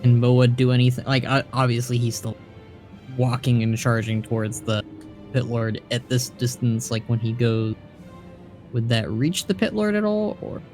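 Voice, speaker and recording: A man's voice: medium pitch, fairly even intonation, normal speed, darkish tone, soft background music. Hesitant male player, casual. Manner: hesitant, many fillers. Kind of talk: casual game table chat.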